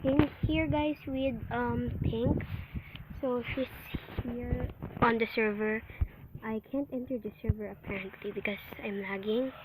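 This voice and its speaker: High-voiced young-sounding woman, under the weather. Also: fairly even intonation, unhurried. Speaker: gaming video host. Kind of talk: casual game commentary. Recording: noisy home recording with clicks.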